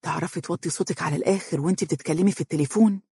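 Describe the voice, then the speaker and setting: Storybook: woman doing a caring Egyptian young man, quick and husky. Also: lowish voice, a little mellow, no echo, clean studio sound. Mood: reassuring. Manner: reassuring, quick.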